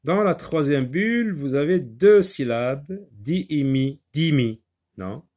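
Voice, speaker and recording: A man's voice: on the high side, animated, takes it slowly, darkish tone. A man teaching a reading and handwriting lesson, patiently talking the class through each step.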